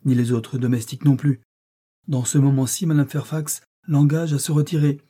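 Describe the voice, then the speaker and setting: A man's voice: mid-range voice, little pitch movement, moderate pace, dark tone, slightly rough, voice pushed up, natural voice. A man voicing a hesitant, deferential male servant in a storybook reading.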